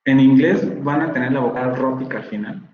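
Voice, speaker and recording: A man's voice: medium pitch, brisk, echoey room, lo-fi sound, slight background noise. A man, a university professor giving an online phonetics lecture and patiently repeating words to model their sounds.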